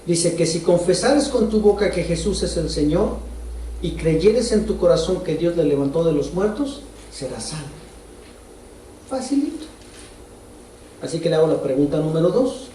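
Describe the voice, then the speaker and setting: A man's voice: fairly high pitch, moderate pace, mellow, slight background noise. A man preaching a sermon as pastor, in a conversational way, putting direct questions to the congregation. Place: church hall. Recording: roomy echo from far off.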